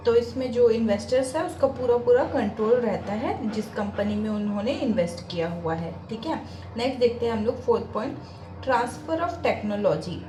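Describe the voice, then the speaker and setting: A woman with a slightly high, expressive voice teaches commerce in a bilingual exam-prep lecture, reading English lines slowly before explaining them quickly. She repeats points and frequently stops to make sure her students are following. There is background noise.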